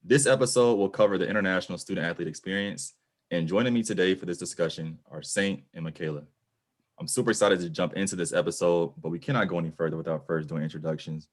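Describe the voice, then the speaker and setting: A man's voice: sits low, fast talker. A man hosting a webinar on a video call, reading an upbeat scripted opening and guiding the chat. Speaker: host, program director.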